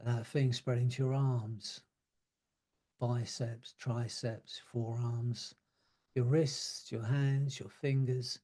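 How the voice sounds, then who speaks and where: Husky, mellow-voiced man guiding hypnosis. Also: medium pitch, flat delivery. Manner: slow, soothing, drawn-out phrasing with soft trailing words. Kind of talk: guided hypnosis relaxation.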